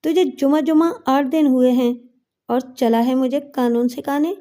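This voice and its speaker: A woman's voice: high voice, fairly even intonation, dark tone, close to an everyday voice. A woman voicing a coarse, bullying corrupt police inspector in a story reading, talking down with mockery. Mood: sneering. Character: crude, leering corrupt male police inspector.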